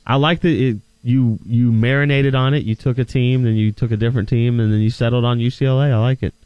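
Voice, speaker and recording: A man's voice: medium pitch, fairly even intonation, fast talker, clean tone, no room sound, dull audio. A man co-hosting a sports show in casual banter, agreeable and supportive in short replies. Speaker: sports radio co-host.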